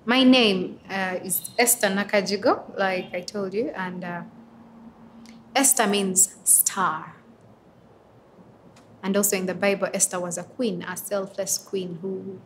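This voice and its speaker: A woman's voice: medium pitch, fairly even intonation, fairly bright tone. Young Ugandan woman, twenties, earnest interviewee, reflective pacing, slight noise bed. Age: 20s. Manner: earnest, reflective, with pauses and fillers. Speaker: interviewee, advocate for women and girls. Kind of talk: answering interview questions.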